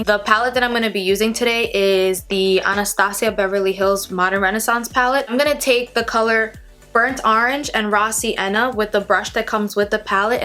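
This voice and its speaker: A woman presents a casual makeup tutorial with music playing behind her. She talks in a chatty way, straight to her viewers, at a medium pitch. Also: fairly bright tone. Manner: chatty, addresses viewers directly. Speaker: beauty vlogger. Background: background music.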